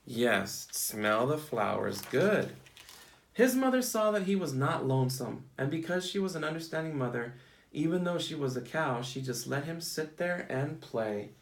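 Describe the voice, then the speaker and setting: A male early-years teacher with a slightly high, gravelly voice reads a picture book at a moderate pace, his intonation lively. He prompts the children with questions, offers praise, and echoes their answers in short phrases during this interactive read-aloud.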